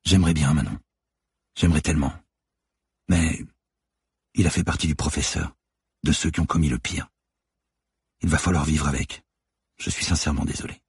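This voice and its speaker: A man's voice: a bass voice, steady tone, moderate pace, long pauses, husky, dry recording, exaggerated voice. A man voicing a weary young policewoman, firm and compassionate, speaking through tears. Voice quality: tearful, insistent.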